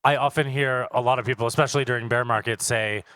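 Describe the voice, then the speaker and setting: A man speaks casually on a conference panel stage, with a bright, forceful tone at a middle pitch. His talk runs loose, with quick asides and a steady "like". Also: no room sound.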